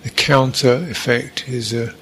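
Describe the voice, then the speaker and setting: This man, a meditation teacher, speaks in a level, medium-pitched voice while guiding a very slow meditation. Short, halting instructions come with lengthy pauses in between, and slight background noise is audible.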